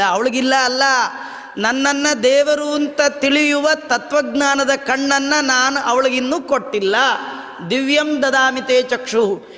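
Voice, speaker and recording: Man, devotional discourse, lively storyteller, very high voice, long hall reverb. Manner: lively storyteller who chants verses and acts out dialogue. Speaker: religious discourse speaker.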